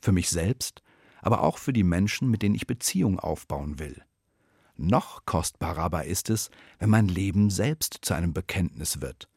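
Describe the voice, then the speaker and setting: Husky-voiced man preaching. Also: deep voice, no echo, clean studio sound. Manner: storytelling, with lively emphasis and slow pauses. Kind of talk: devotional retelling and reflection.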